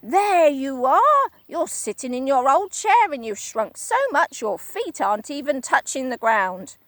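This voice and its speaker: A woman voicing a nasty old man who taunts slowly and with relish. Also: sits high, sing-song, fairly bright tone, no room sound, full character voice. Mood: taunting. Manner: slow, gloating and emphatic. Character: nasty gloating old man, cruel trickster.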